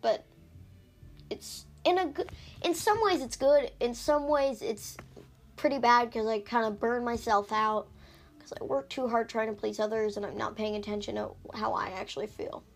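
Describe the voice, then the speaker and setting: A woman hosts a casual podcast, speaking into an iPad in a fairly high voice roughened by frequent fry. She talks in a loose, rambling way, breaking off mid-sentence and tossing in giggly asides. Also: moderate pace. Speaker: podcast host recapping books. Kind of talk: casual chat.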